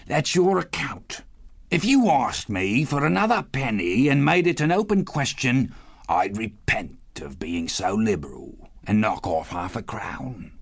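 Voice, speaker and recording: A man reading aloud, voicing a sly old male pawnbroker who talks in a slow, wheedling way. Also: mid-range voice, big pitch swings, creaky, breathy edge, no echo, clean studio sound, full character voice.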